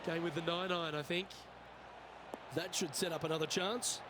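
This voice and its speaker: A man's voice: on the high side, fairly even intonation, moderate pace. A man working as lead golf commentator in a video game, giving brief, upbeat calls on each shot. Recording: clear background noise and ambience.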